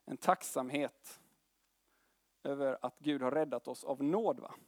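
A young man preaching a sermon in a conversational way, mixing slang with tag questions and swinging between loud calls and quiet, slow lines. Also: mid-range voice, no room sound, studio quality.

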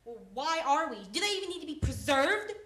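A woman's voice: sits high, expressive, a little fast, a bit bright. A woman playing a restless, defiant young programmer in a stage play. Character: restless young programmer, Varial, questioning everything. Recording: roomy stage sound.

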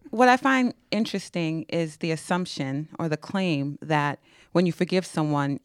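An audience member offers a considered comment in a smooth, clear voice of medium pitch. The delivery is measured and deliberate, in a dry recording. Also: no echo. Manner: measured, deliberate, careful wording.

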